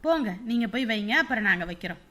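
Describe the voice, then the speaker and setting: A woman's voice: a little high, lively intonation, racing, bright, forceful tone. A woman playing a middle-aged mother-in-law who reassures and gives orders in a family drama. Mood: reassuring. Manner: reassuring and commanding.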